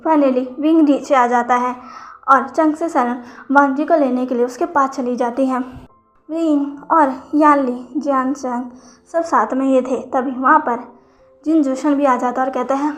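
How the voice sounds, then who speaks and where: A woman telling a fan fiction story in brisk, chatty casual narration. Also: high voice, steady tone, faint music behind.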